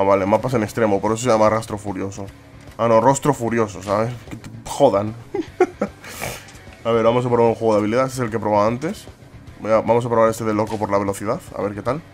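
Excitable young gamer. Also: male voice, lowish voice. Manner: excitable, swears and exclaims often. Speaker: gaming YouTuber. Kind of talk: let's play commentary.

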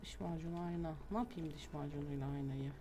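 A woman's voice: sits low, fast, noisy background. A woman commenting casually on her own game play, muttering to herself, swearing and getting panicky. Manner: talks to herself, swears, panics and yells when chased. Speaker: gamer streamer.

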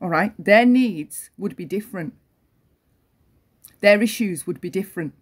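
A woman's voice: mid-range voice, unhurried, breathy edge. A woman giving an earnest opinion commentary, repeating her points and often adding "right?". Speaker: commentary channel host.

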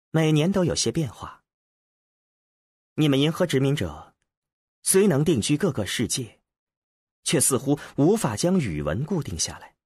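A man voicing a young androgynous Solarian who speaks clearly, briskly and with faint mockery, in an audiobook. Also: medium pitch, darkish tone, no echo, studio quality, full character voice. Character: young androgynous Solarian, pleasant but scornful. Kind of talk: audiobook character voice.

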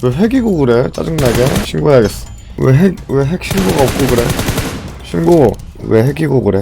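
A man's voice: mid-range voice, animated, moderate pace, gravelly, background noise. A man streaming a mobile battle game, chatting casually with teammates, joking and then ranting in irritation at cheaters. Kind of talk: casual gaming voice chat. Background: game music and gunfire.

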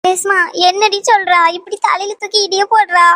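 A woman's voice: very high-pitched, flat delivery, moderate pace, sharp tone, voice pushed up. A woman voicing a bewildered, fretful mother in a cartoon dub, wailing and exclaiming.

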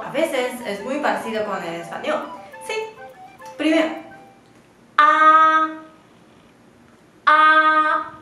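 A woman, a Mandarin speaker, giving a slow and patient beginner lesson, drawing out syllables for her students to repeat. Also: fairly high pitch, fairly bright tone. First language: Mandarin Chinese. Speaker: Chinese teacher. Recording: roomy echo.

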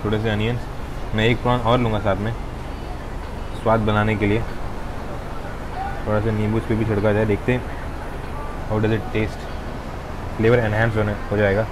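Young man tasting food on camera. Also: lowish voice. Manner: relaxed, savoring, pauses to chew. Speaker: food vlogger. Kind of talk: casual food tasting vlog. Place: outdoor rooftop restaurant terrace. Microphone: lapel mic. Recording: outdoor noise in background.

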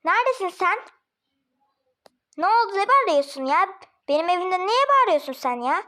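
A woman's voice: very high voice, very animated, normal speed, sharp tone, full character voice. A woman voicing a spiteful, haughty landlady in a homemade family drama, scornful and bossy.

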